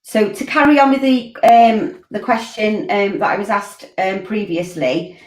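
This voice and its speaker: With a mid-range, expressive voice and measured pace, a college curriculum director in her forties hosts a Q&A from home indoors. She replies to viewer questions casually with lots of ums and restarts, recorded via a laptop webcam on a video call that sounds roomy and far off.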